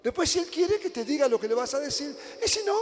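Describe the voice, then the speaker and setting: A man with an Argentine accent preaching a sermon as pastor. He swings between loud emphatic lines and hushed near-whispers, and asks many rhetorical questions. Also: extremely high pitch, expressive, fast talker, slight background noise. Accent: Argentine Spanish. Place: church hall. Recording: reverberant church hall.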